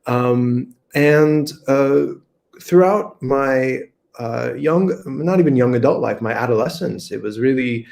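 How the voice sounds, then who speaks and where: A man from rural Kentucky talks as a guest over a video call, unscripted and thinking as he goes. His pitch sits in the middle of the range, and his speech stops and restarts often. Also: takes it slowly, vocal fry, a little mellow. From rural Kentucky, USA. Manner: thinks aloud, many fillers and restarts. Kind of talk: unscripted conversational interview.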